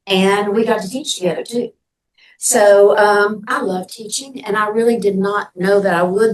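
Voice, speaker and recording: An older woman telling a personal story to a gathering in a candid, conversational way, pausing for effect. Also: on the low side, low-quality recording.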